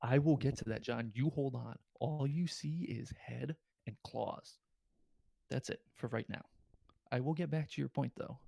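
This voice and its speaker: A man's voice: mid-range voice, a little slow, vocal fry, warm tone, no room sound. A man hosting a podcast, rambling through a casual movie recap with loads of filler words. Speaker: podcast host.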